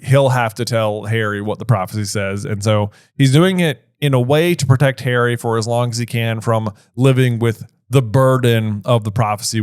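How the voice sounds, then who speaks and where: A man co-hosting a casual book-discussion podcast, easygoing and quick with agreeing interjections. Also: medium pitch, darkish tone, smooth, no room sound, studio quality. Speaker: podcast co-host.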